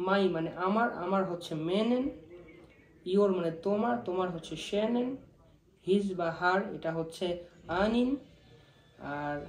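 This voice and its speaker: A man whose first language is Bengali gives a casual spoken language lesson, repeating each word slowly and spelling it out. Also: sits high, darkish tone. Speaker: language teacher. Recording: echoey room.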